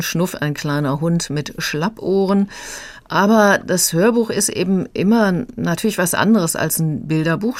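Woman book critic, radio review, low voice, dry close sound. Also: no echo.

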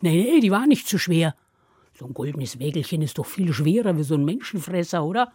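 A woman telling a fairy tale to children in a playful, lively way, acting out voices and sounds. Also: low-pitched, fairly quick, husky, no echo, clean studio sound. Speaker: storyteller.

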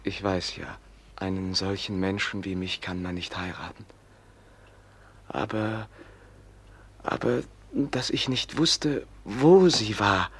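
A gentle, vulnerable prince in a classic radio play. His breathy, husky voice is earnest and anxious, halting as he pleads. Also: deep voice, exaggerated voice. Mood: worried, resigned. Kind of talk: German literary radio drama acting.

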